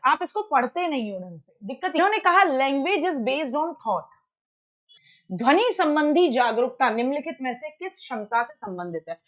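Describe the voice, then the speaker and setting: A woman's voice: high voice, lo-fi sound. A woman teacher giving an exam-prep lecture, acting out short everyday dialogues as she explains. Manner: animated, acts out little dialogues.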